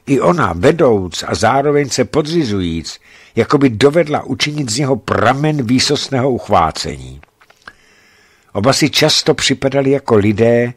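A man reading a novel aloud as a measured, expressive narrator. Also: medium pitch, breathy edge, no room sound, clean studio sound. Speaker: reader.

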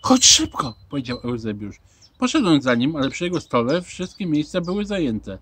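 A man's voice: a little high, brisk, slight background noise. A man reading a children's storybook aloud, narrating expressively as a small boy. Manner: expressive, animated. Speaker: audiobook reader.

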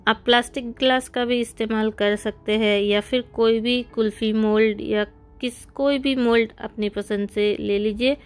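A woman's voice: on the high side, fairly even intonation, normal speed. A woman hosting a cooking channel, giving friendly step-by-step recipe instructions in a voice-over. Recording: soft background music.

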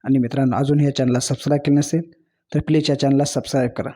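A man's voice: medium pitch, flat delivery, rapid-fire, dark tone, slightly rough. A man narrating an emotional story in an earnest, dramatic way.

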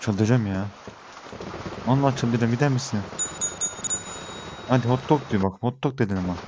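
A man's voice: mid-range voice, moderate pace, noisy background. A young Turkish man giving let's-play commentary, talking to his viewers and getting frustrated with the game. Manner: exasperated, talks to viewers as he plays. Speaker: gaming YouTuber.

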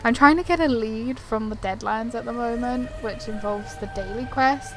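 In a low-quality recording with game music behind her, a female gaming video creator plays through a game, chatting casually and reading the dialogue choices aloud. Her voice is a little high and her speed normal.

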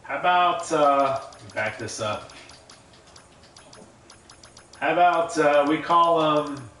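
A man with a fairly high, animated, slightly bright voice gives slow, casual gameplay commentary as a livestream gamer. He muses aloud, reads chat messages out, and laughs often, captured by a distant mic in a roomy space with faint noise.

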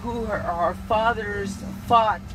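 Woman in her sixties, drunk-sounding unruly passenger, slow halting delivery, belligerent ranting, noisy cabin recording. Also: mid-range voice. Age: 60s. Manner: agitated, belligerent, rambling ranting. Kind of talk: confrontational public ranting. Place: inside a boarding airplane cabin. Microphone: bystander's phone a seat away. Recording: noisy aircraft cabin, phone video.

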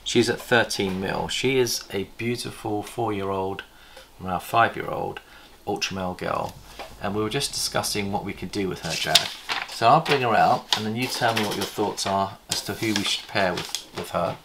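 Heavy background noise surrounds this middle-aged man's fairly low voice as he hosts a casual snake-breeding vlog from an indoor reptile room. He's chatty and enthusiastic in his show-and-tell, pausing occasionally to recall details, and is captured by a camera across a table.

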